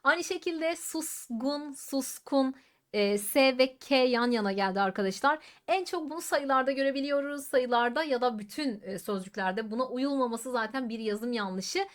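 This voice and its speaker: A woman with a somewhat high voice teaches an exam-prep grammar lesson. She is emphatic and says words over slowly to show how they sound. She keeps turning to her students with questions. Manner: addresses students directly with questions.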